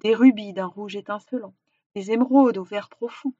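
A woman reading a storybook aloud with expressive narration that slows for effect. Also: mid-range voice, husky, no echo. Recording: dull, dry recording.

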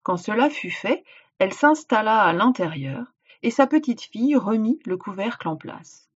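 A woman teacher reading a folk tale aloud and explaining words and tasks clearly to a child, in a dull lo-fi recording. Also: mid-range voice, lively intonation, normal speed. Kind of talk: read-aloud storytelling and instructions.

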